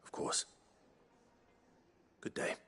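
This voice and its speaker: A man playing a calm, courteous guardian and mentor in a fantasy drama, speaking in a measured, gently instructive and formal way. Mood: contrite, polite. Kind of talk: scripted fantasy drama acting.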